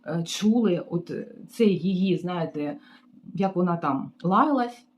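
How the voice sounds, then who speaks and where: A woman's voice: lowish voice, measured pace, a little hiss or hum. Chatty Ukrainian woman telling a story. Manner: animated, chatty, with frequent fillers and asides to viewers. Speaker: vlogger recounting her job as a hotel maid. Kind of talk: casual storytelling vlog.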